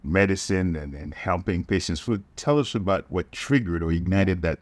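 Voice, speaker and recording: Guy hosting a podcast, slightly low voice, dry studio sound, formal intro style. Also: normal speed, no room sound. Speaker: podcast host. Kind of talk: podcast interview.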